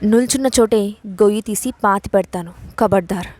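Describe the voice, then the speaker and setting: A woman's voice: mid-range voice, normal speed, darkish tone, dry recording, lightly acted. A woman reading the part of a bold young woman boss in an audio story, with a mocking, commanding way of talking. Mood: taunting.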